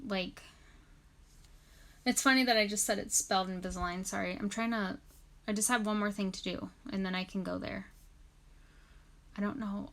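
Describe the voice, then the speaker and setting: A woman's voice: mid-range voice, sharp tone. A young woman with a slight lisp, leading a casual livestream Bible study through her phone, chatty and full of apologetic asides.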